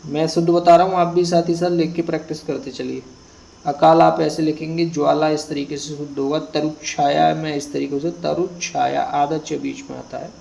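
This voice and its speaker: A man teaching Hindi spelling, reading out a word list slowly and repeating each word for students to copy. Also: a little high, little pitch movement, creaky, warm tone, rough recording. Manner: slow, repetitive word-by-word dictation. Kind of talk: exam prep lesson, reading word list.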